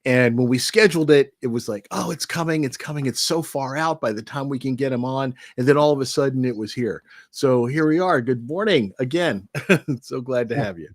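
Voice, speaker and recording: A man's voice: mid-range voice, a little fast, no room sound, studio quality. A man hosting a podcast interview, chatty and enthusiastic, often restarting his sentences. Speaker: podcast host. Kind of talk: conversational interview.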